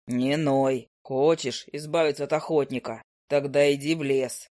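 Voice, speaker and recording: A woman voicing a phlegmatic, bookish male owl familiar who answers flatly and curtly in a lowered voice. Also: normal speed. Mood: unbothered. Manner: flat, unbothered, curt.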